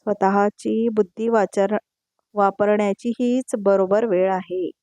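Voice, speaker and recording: A woman's voice: mid-range voice, fairly even intonation, slow pace, warm tone, natural voice. A shrewd, scheming female lawyer presses her point hard and keeps at it, voiced by a woman narrating a recap. The recording is dry and close, with no echo. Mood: insistent. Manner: insistent, persuasive.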